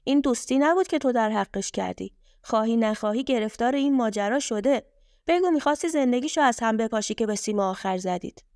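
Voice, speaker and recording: A woman's voice: a little high, darkish tone, dry recording, clean studio sound, close to an everyday voice. Woman reading as a stern, preachy old uncle. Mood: scolding. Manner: scolding, preachy. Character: stern older male uncle, reproachful.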